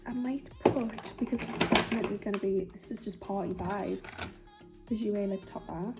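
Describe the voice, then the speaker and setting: A woman's voice: medium pitch, moderate pace, music in the background. A young woman with a Geordie accent chatting in a rambling, self-mocking way while doing her makeup for a vlog. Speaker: beauty vlogger.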